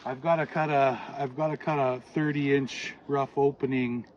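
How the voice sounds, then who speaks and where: A man chatting casually outdoors as he explains his building work, often pausing to think aloud. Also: medium pitch, fairly even intonation, a little mellow. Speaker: log cabin builder and vlogger. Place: outdoors at a cabin building site. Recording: muffled, noisy outdoor camera audio.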